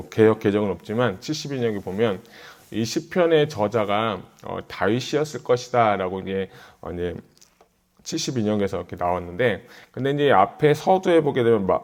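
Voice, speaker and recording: A man's voice: on the low side, a little mellow. A middle-aged male pastor giving a Bible exposition sermon, talking through his thoughts casually and turning earnest and urgent when he urges his listeners. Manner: conversational, thinks aloud, grows urgent when exhorting.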